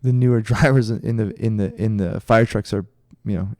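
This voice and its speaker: A man's voice: fairly low pitch, fairly even intonation, moderate pace, darkish tone, no room sound, studio quality. A middle-aged man co-hosting a karate podcast, telling a story in a rambling, casual way with restarts. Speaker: podcast co-host, karate instructor. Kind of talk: casual chat.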